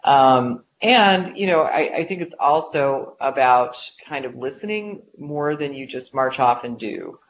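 A woman's voice: very deep voice, expressive, unhurried, hardly any pauses, highs cut off, slight background noise. A woman guest in a conversational interview, chatty and self-deprecating, with lots of "like" and fillers. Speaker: interview guest, business leader.

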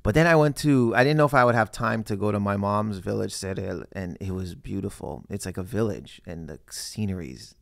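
A man's voice: fairly low pitch, brisk, creaky, few pauses, dry recording, studio quality. A man, a comedian, telling a story in casual conversation and acting out the voices of the people in it. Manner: animated storyteller who acts out quoted voices. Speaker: stand-up comedian guest.

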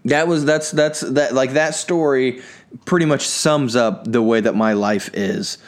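Man, comedian podcast host, mid-pitched voice, rambling storyteller, casual chat. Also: unhurried. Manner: rambling anecdotal storyteller, grateful to listeners.

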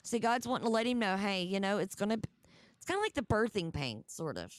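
Southern woman, host of a Bible study livestream; chatty, mid pitch, dry close sound. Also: big pitch swings, brisk, no echo. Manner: chatty, conversational with fillers.

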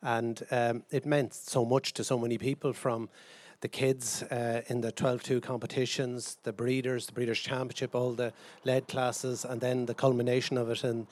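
Male Irish interviewee, hesitant and even-toned, mid pitch, thinking through answers as he goes. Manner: hesitant, halting, frequent pauses. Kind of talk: live interview.

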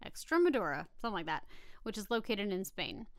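A woman co-hosting a casual animal-facts podcast, reading from notes with chatty asides and an expressive, playful way of talking. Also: mid-range voice, fast talker, dry recording, studio quality. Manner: giggly, expressive, stumbles playfully over scientific words. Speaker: podcast co-host.

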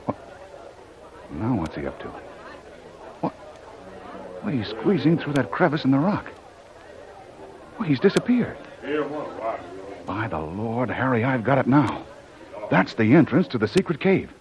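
A man's voice: very deep voice, lively intonation, moderate pace, pauses often. An actor playing a bold male jungle adventurer muttering to himself, in a dull old radio recording. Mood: excited. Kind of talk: 1930s radio drama acting. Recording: dull old radio with hiss and crowd noise.

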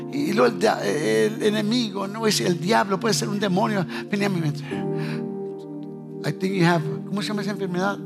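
A man preaching a fervent sermon as pastor, switching between shouted sing-song lines and low, quiet murmurs. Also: vocal fry. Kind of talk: Pentecostal-style sermon. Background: music playing.

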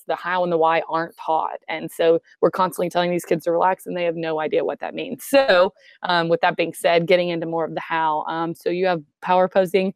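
Woman in sports psychology, conversational, slightly low pitch, dry close sound. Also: no echo. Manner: chatty, frequent "um" and "right?". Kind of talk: conversational explanation.

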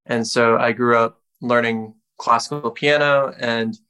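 A young man from Wisconsin, a musician guest speaking in a relaxed, reflective way. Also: mid-range voice, a little slow, clear, resonant tone. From Wisconsin, United States. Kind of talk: casual interview talk.

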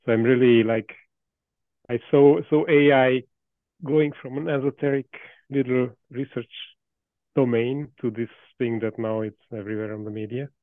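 A man in his fifties with a Hungarian accent, a guest researcher speaking in a casual interview, thoughtful and halting with many restarts and soft laughs. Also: mid-range voice, steady tone, no room sound. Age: 50s. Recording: dry tinny call audio.

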